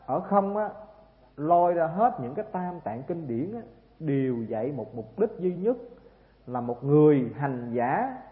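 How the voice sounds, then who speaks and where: A man with a Southern Vietnamese accent preaching a Buddhist sermon, telling a story and often asking the listeners rhetorical questions. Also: on the high side. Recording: tinny, echoey hall recording.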